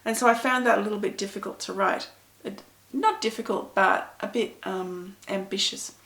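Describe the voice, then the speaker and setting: A woman's voice: mid-range voice, moderate pace, a bit bright, echoey room. A middle-aged woman, chatting to camera as an author answering reader questions in a self-deprecating, storytelling way. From Pakistan. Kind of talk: casual talk to camera.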